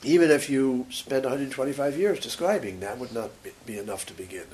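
A man giving a scripture lecture as a religious teacher, short of breath, halting and pausing mid-sentence. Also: mid-range voice, darkish tone, low-quality recording. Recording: faint background hiss.

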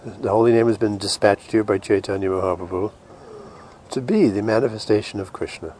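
A man giving an informal devotional lecture as a religious teacher, short of breath and halting, with restarts. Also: fairly low pitch, mellow, a little hiss or hum.

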